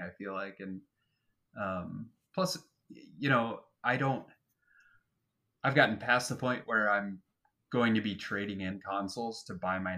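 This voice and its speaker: A man's voice: sits low, pushed and bright. A man co-hosting a casual gaming podcast, laid-back and loose, swearing casually and using lots of fillers. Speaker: podcast co-host. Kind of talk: casual chat.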